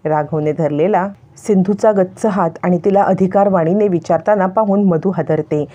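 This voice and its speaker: A woman narrates a television serial episode as a spoken story, stepping briefly into each character's lines. Her voice sits a little low and sounds mellow and warm. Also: normal speed, highs cut off. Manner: retells scenes, voicing each character's lines lightly.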